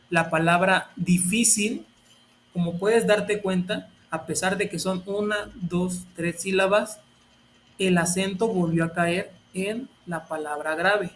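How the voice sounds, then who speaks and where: Male teacher, high voice, patient lesson delivery. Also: a bit bright, a little hiss or hum. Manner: patient, step-by-step explaining. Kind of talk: explaining a grammar lesson.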